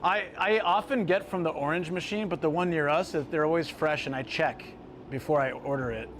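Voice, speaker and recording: A man hosting a casual live stream, chatting to viewers in an animated, exclamatory way and repeating phrases for emphasis. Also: a little high, moderate pace, slight background noise. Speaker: livestream host. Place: outdoors by street vending machines in a city.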